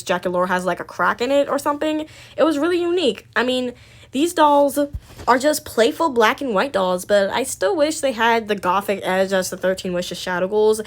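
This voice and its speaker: A young woman in a casual review chat, rambling and hesitant with many fillers and restarts, candid and opinionated. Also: mid-range voice. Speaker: doll collector vlogger.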